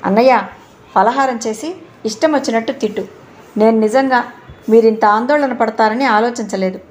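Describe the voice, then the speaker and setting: A woman voicing a gentle young woman student, a soft, pleading daughter and sister, in an audio novel. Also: on the high side, normal speed, close to an everyday voice.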